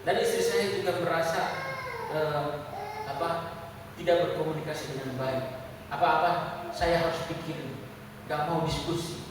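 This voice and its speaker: A man's voice: on the high side, fairly even intonation, normal speed, long pauses. A man preaching in a church service, telling a candid personal story and speaking directly to the congregation. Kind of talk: conversational testimony sermon. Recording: echoey hall from far off, faint hiss.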